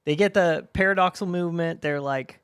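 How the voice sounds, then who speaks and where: A man co-hosting a casual podcast, retelling a TV scene in an animated, laughing way. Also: on the high side, brisk, clean tone, no room sound. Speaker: podcast co-host. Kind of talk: casual chat.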